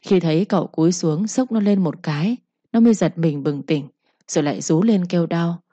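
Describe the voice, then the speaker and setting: A woman storyteller giving a steady scripted narration of a romance tale. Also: lowish voice, fairly quick, no echo. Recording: slightly muffled recording.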